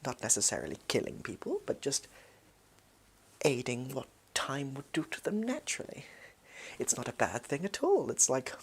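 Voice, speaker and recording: A performer plays a shady, pompous villain in a fake posh English voice, improvised as role-play. The voice is husky and creaky, with lively swings in pitch. The phrasing is fussy, evasive and halting, as if every word is being carefully picked. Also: exaggerated voice. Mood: slyly persuasive. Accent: posh English, put on.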